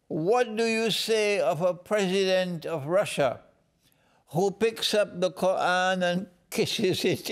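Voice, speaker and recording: Slow, emphatic man from Trinidad. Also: sits high. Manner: emphatic, preacher-like repetition. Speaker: guest speaker. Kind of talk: slow, deliberate interview answers.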